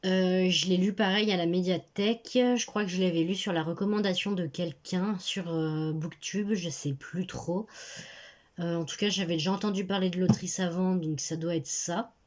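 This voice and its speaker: Hesitant, low-voiced teenage girl book vlogger. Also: fairly even intonation, moderate pace, darkish tone. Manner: rambling, hesitant, self-correcting. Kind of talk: casual book review vlog. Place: bedroom at her parents' home. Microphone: phone.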